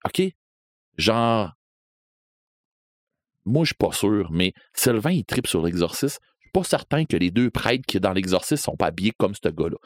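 A man's voice: fairly low pitch, moderate pace, no room sound. A man with a Québécois accent telling a spooky story in a casual, conversational way. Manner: lively, animated, conversational with fillers.

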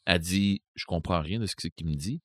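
A man's voice: low-pitched, fast, a bit bright. A man with a Québécois accent, co-hosting a podcast in casual chat, rambling with many fillers and restarts. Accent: Québécois French. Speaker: podcast co-host.

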